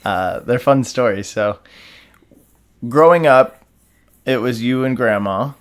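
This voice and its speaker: A young man hosting a casual podcast chat, relaxed and rambling, with many fillers. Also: mid-range voice, takes it slowly, clean tone. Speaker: podcast host.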